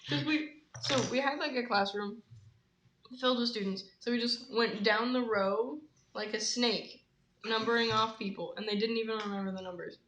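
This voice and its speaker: A teenage girl co-hosting a casual chat, talkative and teasing with deadpan asides. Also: on the high side, normal speed, roomy sound, low-quality recording. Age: teens. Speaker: podcast co-host.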